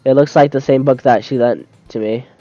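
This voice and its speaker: A man's voice: mid-range voice, fairly even intonation, brisk, mellow, dry recording. A man streaming a game, reading its text aloud in a casual let's-play, often stumbling and restarting mid-word and laughing easily. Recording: dull lo-fi sound, dry close mic, faint music behind.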